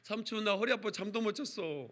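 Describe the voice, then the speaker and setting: A man's voice: high voice, fairly quick, fairly bright tone, voice pushed up. A male pastor voicing his sulky teenage schoolgirl niece inside a sermon story. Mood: whiny.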